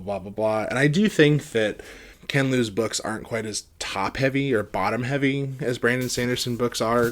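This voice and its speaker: A man giving a casual, rambling book review, conversational and hedging, often trailing off at the ends of phrases. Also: fairly low pitch.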